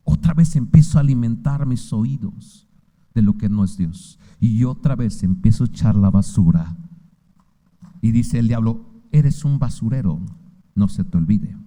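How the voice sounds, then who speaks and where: A man's voice: medium pitch, warm tone. A man with a Mexican accent preaching a sermon as pastor, firing rhetorical questions at his listeners with fervor. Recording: long hall reverb.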